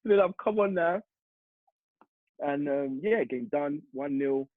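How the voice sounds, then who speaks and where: A young man from East London with a London accent, a football striker telling a lively story in a casual interview. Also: a little high, unhurried, no room sound. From East London, England. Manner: animated, vivid retelling with acted-out quotes. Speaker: interview guest, semi-pro striker. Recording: muffled phone-like audio.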